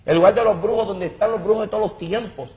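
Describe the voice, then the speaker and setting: A man tells his religious testimony with fervor and drama. His voice sits fairly high for a man. He stresses words and repeats himself as he reaches for the next thought. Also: fast, a little mellow. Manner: emphatic and dramatic, repeats words while searching. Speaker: guest giving a testimony.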